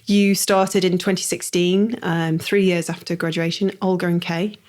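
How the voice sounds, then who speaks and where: A woman's voice: lowish voice, level tone, normal speed, darkish tone. A woman hosting a podcast interview, affirming and encouraging her guest. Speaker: podcast host.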